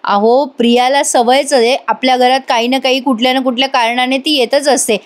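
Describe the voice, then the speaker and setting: A woman's voice: high-pitched, fairly even intonation, fairly quick, close to an everyday voice. A woman voicing a confident young man who reasons through a mystery. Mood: determined. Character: sharp, determined young man investigating.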